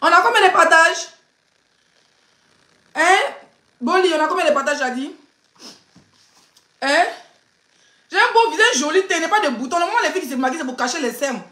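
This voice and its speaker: Woman influencer, high chatty voice, teasing live-stream rant in a roomy space. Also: expressive, normal speed, pauses often, bright, forceful tone. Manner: chatty, laughing, teasing and ranting. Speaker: blogger and influencer. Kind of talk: casual live stream chat. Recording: roomy echo.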